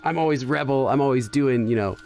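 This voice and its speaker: A native English-speaking gaming channel host gives casual let's-play commentary, thinking aloud and hesitating with fillers and restarts as he translates for himself. His voice is medium-pitched, brisk and darkish, with faint music behind.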